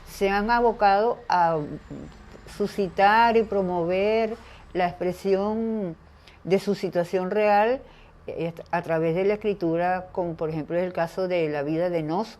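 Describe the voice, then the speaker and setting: An older woman from Venezuela, speaking as an interview guest in a reflective conversation, pausing often to search for her words. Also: fairly low pitch, fairly even intonation, darkish tone. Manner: thoughtful, pauses to search for words.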